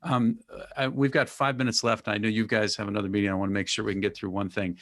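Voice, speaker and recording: A man's voice: on the low side, little pitch movement, quick pace, a bit bright. A man hosting a fireside chat, who sums up the guest's points with enthusiasm and prompts with questions. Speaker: host.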